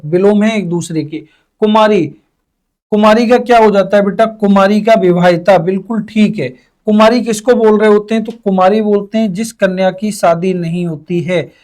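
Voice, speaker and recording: Brief: young male teacher, high voice, quizzes the class and answers in students' voices, drags out key words. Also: steady tone, normal speed, a little mellow. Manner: asks questions and answers them in students' voices. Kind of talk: exam-prep Hindi lesson.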